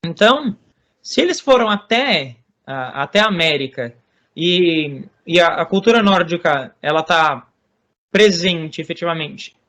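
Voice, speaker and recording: Explaining things in an interview, this high-voiced Brazilian man, an author and guest on Norse religion, has lively intonation and a pushed, bright sound. He speaks with a Brazilian Portuguese accent in a measured way, hesitating and restarting often.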